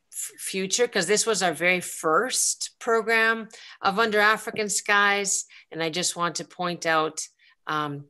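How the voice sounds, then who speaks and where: A woman from Greece hosting a live online question-and-answer session, speaking slowly and hesitantly with many ums, on a video call. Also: lowish voice, bright, forceful tone. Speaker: planetarium program host.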